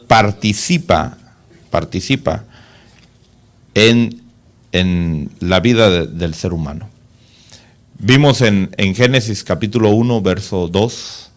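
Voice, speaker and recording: A man who pastors a church delivers a sermon, putting rhetorical questions to his congregation and letting his voice fall soft and low whenever he reaches a solemn point.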